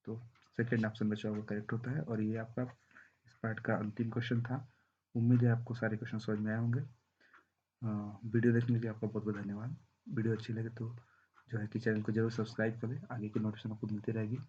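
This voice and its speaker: A man's voice: on the low side, little pitch movement, fast, mellow, slightly rough, muffled recording. A man teaching a math lesson with a sore throat, walking through the arithmetic step by step and checking in often. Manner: walks through arithmetic step by step, often saying "thik hai".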